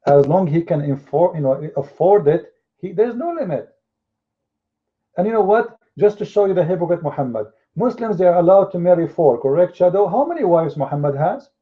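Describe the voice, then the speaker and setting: Arguing hard in a heated live online debate, an Arabic-accented man presses his opponents with mocking rhetorical questions. His voice sits a little high for a man, and the audio is thin and boxy, like a phone line.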